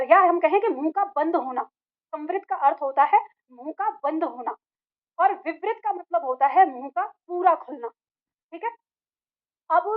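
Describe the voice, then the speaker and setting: A woman teacher explaining a lesson step by step, repeating key points and asking the class questions. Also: very high-pitched. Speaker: Hindi teacher. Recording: tinny, phone-like audio.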